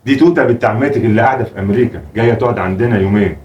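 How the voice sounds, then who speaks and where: A man's voice: fairly low pitch, a little mellow, far from the mic, highs cut off. A man with an Egyptian Arabic accent playing a flustered, placating father in a family comedy sketch. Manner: fast-talking, flustered and placating. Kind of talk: comic home sketch acting.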